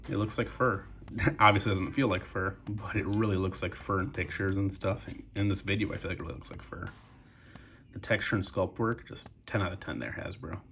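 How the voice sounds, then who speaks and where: Congested man, low gravelly voice. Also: brisk. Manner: relaxed, chatty, addresses viewers as guys. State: congested, mouth breathing. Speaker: toy reviewer. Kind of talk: casual unboxing review.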